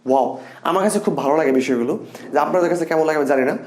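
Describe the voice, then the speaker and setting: A young man teaching English grammar in a casual, animated way, repeating example sentences with feeling. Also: on the high side, rapid-fire. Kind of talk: casual spoken lesson. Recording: echoey room.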